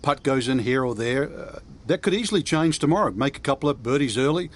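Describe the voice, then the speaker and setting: A man giving golf commentary as an analyst, in a measured, reflective way. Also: medium pitch, lively intonation. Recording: outdoor crowd and ambient noise behind. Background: crowd and outdoor ambience.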